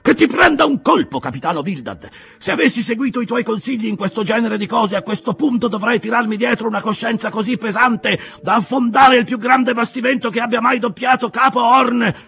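A man voicing an irascible old sea captain who blusters and shouts curses in an audiobook reading. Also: on the high side, big pitch swings, moderate pace, vocal fry, hardly any pauses, husky, pitched above the performer's own voice, heavily acted. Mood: furious shouting. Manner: shouting, explosive, cursing. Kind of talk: audiobook character voice.

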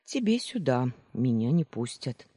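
A kindly, reserved middle-aged man who helps his young friend, heard in an audiobook. He speaks softly and a little hesitantly, with a husky, mellow tone in a dry close sound, as the narrator puts him on. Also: mid-range voice, very animated, a little slow, no echo. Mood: hushed. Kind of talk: audiobook character voice.

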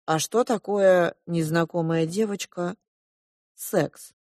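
Woman doing a soft evasive dad, mild and hesitant, dry close mic. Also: on the low side, takes it slowly, no echo. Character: distracted grown man, father, mild and evasive. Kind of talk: audiobook reading.

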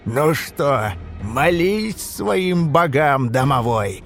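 A man voicing a filthy, spiteful old female bathhouse spirit with a creaky, snarling voice. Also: fairly high pitch, lively intonation, very slow, soft background music, pitched above the performer's own voice, exaggerated voice. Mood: gloating.

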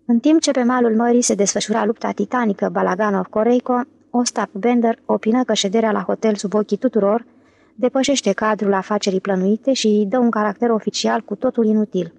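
A woman narrating an audiobook in a steady, even reading. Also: mid-range voice, creaky. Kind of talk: scripted narration.

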